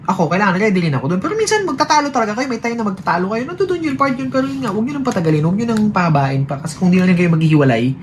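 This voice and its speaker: A man's voice: high voice, very animated, racing, few pauses, a little hiss or hum. A man sitting beside his partner, giving earnest relationship advice in a casual heart-to-heart chat, mixing English phrases into his talk and repeating himself. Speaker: vlogger talking with his partner.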